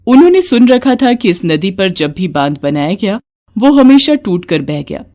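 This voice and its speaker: Expressive woman telling devotional stories. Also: medium pitch, moderate pace. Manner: expressive, dramatic. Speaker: storyteller. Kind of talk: devotional story narration.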